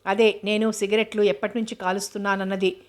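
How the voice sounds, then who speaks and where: A woman's voice: mid-range voice, flat delivery, quick pace, natural voice. A woman reading aloud as a brusque young man who speaks tersely and seriously. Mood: irritated. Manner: irritated, terse.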